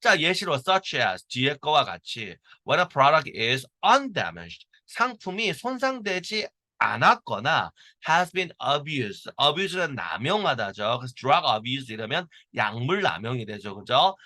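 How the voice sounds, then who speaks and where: A middle-aged man teaching high school English grammar in a recorded lecture, explaining at length and reading English lines slowly to show pronunciation. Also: sing-song, bright, forceful tone, no echo.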